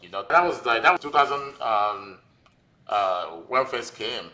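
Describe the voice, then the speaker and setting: A Nigerian-accented man in his forties, a physician and investor, tells his own story informally as a podcast guest in a conversational interview. His mid-range voice is animated and sharp-toned, moving at a measured pace.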